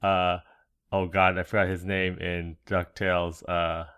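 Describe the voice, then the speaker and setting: A man with a fairly low voice co-hosts a casual podcast. He talks playfully and rambles, pausing on fillers while he searches for words. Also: little pitch movement, fairly bright tone, clear, resonant tone. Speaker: podcast co-host.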